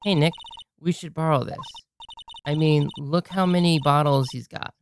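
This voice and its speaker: A woman's voice: deep voice, fairly even intonation, normal speed, slight background noise. A woman voicing a cheerful, teasing young woman sidekick in an amateur fan dub of a video game. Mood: playful. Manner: playful and teasing.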